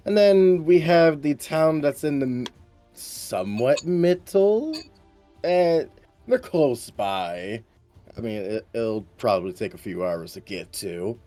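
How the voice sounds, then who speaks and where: A jittery village chief who trips over every word, his pitch bouncing about as he stammers, put on by a man running the game. The voice is mellow and dry, with faint music underneath. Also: animated, no room sound. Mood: nervous. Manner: nervous stammer, halting. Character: stammering waddling male village leader.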